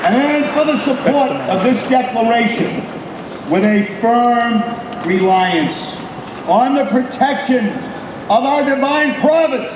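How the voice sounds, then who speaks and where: A military company captain gives a ceremonial reading of a historical proclamation at a public ceremony held at an old statehouse. His high-pitched voice is loud, solemn, and oratorical, delivered slowly and with animation, with deliberate pauses between phrases. Heard from a distance, the public address echoes and carries crowd noise in the background.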